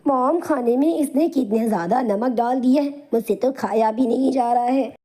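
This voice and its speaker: A spoiled, spiteful young daughter, as a woman voices her in a cartoon. She whines and complains in a high, mellow voice. Her tone stays petulant throughout. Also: normal speed, close to an everyday voice. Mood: whiny. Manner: whiny, complaining. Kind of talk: animated storybook voice acting.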